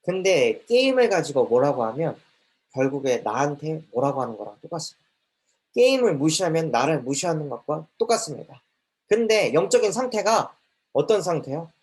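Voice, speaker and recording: A man's voice: a little high, very animated, normal speed, a little mellow. A man preaching a sermon to a children's ministry, emphatic, with repeated phrases that rise and fall.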